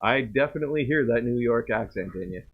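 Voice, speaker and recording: Canadian dude doing baseball play by play, laid back, kinda muffled stream audio. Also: male voice, mid-range voice, lively intonation, brisk. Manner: chatty, self-deprecating, laughs easily. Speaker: play-by-play commentator. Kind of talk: baseball commentary.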